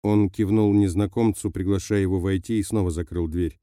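A man narrating an audiobook in a steady, measured reading voice. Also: deep voice, no room sound, studio quality. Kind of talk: scripted narration.

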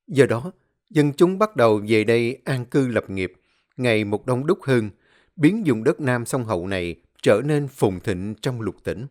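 A man narrating a ghost story for his channel, reading in a measured, solemn way with slow pauses. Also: medium pitch, expressive, a little mellow. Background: faint music.

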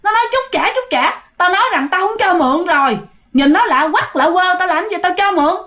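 A woman putting on an indignant drunk young man, exclaiming in a high-pitched, excitable voice as he complains in a spoken ghost story. The voice is bright and keyed up throughout. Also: a little fast, heavily acted. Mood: agitated.

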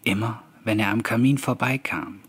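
A man reading a story aloud in calm, measured scripted narration. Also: on the low side, breathy edge. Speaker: audiobook narrator.

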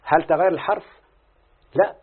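Fairly quick and slightly high, with a breathy edge, this Egyptian-accented man recites an Arabic morphology lesson as a student. He goes through the questions and answers step by step, checking with his teacher throughout, and the recording sounds tinny, like a phone.

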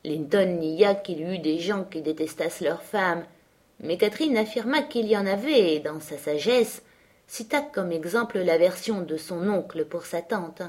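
A woman reading a novel aloud as audiobook narrator, with measured, lowered storytelling delivery. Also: darkish tone. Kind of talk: scripted narration.

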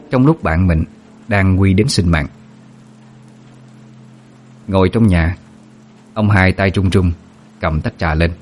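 A man narrating a ghost story in a steady, dramatic way. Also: sits low.

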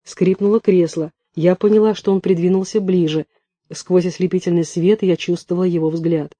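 A man reading first-person fiction aloud in a hushed, tense storytelling manner. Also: sits high, little pitch movement, moderate pace, no room sound. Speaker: audiobook reader.

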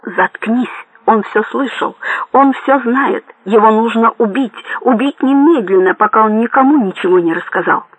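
A man voicing a volatile male gang leader who yells threats in a frantic, raised voice. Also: extremely high pitch, normal speed, dry recording, pitched above the performer's own voice, low-quality recording. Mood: furious.

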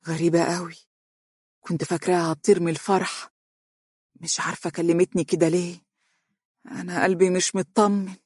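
An anxious middle-aged mother with an Egyptian accent, as an audiobook narrator puts her on. She talks quickly and worriedly, in a dry close recording. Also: lowish voice, a little mellow, slightly rough, no room sound.

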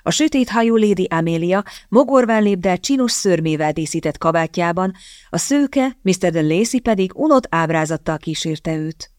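A woman narrating a novel in an even, measured way. Her voice sits lowish for a woman and is recorded close and dry, with no room sound. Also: no room sound. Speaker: audiobook narrator. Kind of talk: scripted narration.

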